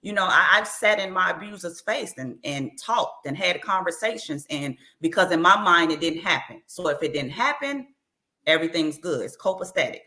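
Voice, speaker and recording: A woman author talks candidly in an interview. Her voice sits low yet comes across bright and forceful. She speaks with open earnestness, often circling back over short repeated phrases. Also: expressive, normal speed.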